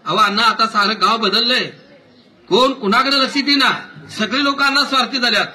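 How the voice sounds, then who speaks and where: A man's voice: extremely high pitch, fairly quick, bright, forceful tone, exaggerated voice. A man voicing a middle-aged village son who eagerly coaxes and pleads with his old father. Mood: pleading. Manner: eager, coaxing pleas.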